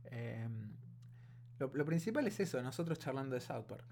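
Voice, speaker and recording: A man's voice: medium pitch, lively intonation, dark tone. Rambling Argentine man chatting, noisy humming recording. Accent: Buenos Aires Argentine Spanish. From Buenos Aires, Argentina. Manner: rambling, halting, colloquial. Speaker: podcast co-host. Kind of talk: casual podcast chat. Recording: clearly noisy with a hum.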